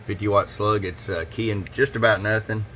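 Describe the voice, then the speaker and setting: Deep-voiced man running a CB radio shop. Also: normal speed, a little hiss or hum. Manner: relaxed, folksy, repeats "hello" into the mic while testing. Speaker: CB radio shop owner and technician. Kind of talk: casual workshop demo talk. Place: radio repair workbench indoors.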